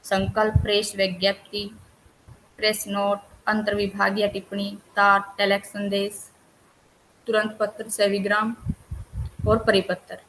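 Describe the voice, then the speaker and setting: A woman's voice: medium pitch, completely flat delivery, a bit bright, poor audio. A woman teacher reviews her course chapter by chapter in an online class, reading out topic after topic with little rise or fall in her voice. A faint hiss of background noise sits under her computer mic. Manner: lists topics steadily with few pauses. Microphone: computer mic on a video call.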